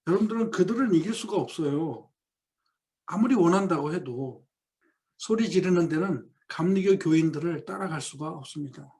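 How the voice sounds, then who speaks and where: A middle-aged male professor giving a lecture, explaining a play and reading quoted lines slowly. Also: fairly high pitch, mellow. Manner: reads quoted English lines very slowly, then explains them.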